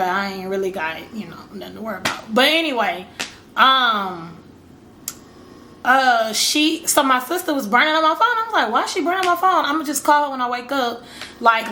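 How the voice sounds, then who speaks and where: Bright-voiced chatty woman telling a story. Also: fairly high pitch, a little hiss or hum. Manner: chatty, rambling, addresses viewers as y'all, acts out her own reactions. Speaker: storytime vlogger. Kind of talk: casual storytelling to camera.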